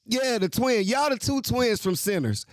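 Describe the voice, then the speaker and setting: Animated, profane man ranting about sports. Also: moderate pace, no echo. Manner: profane, exasperated ranting with swings in pitch. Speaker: host. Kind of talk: casual sports rant.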